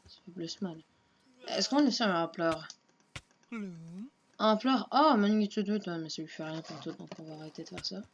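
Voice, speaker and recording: A woman's voice: lowish voice, moderate pace, pauses often. A woman giving casual, offhand commentary while playing a game, muttering her moves to herself. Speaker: let's play gamer. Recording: dull lo-fi home mic with faint noise.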